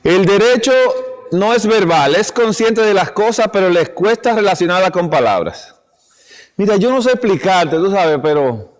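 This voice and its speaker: A man preaching at a church health seminar, telling stories with acted quotes and chuckling often. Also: high voice. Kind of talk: sermon-style seminar talk. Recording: long hall reverb.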